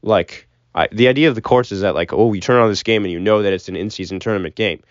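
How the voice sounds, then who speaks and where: Solo sports podcast host, young man with a low register, loose sweary opinions, dull lo-fi recording inside a closet. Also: quick pace, no room sound. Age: young adult. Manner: rambling, opinionated, sprinkled with swearing. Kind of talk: casual sports commentary.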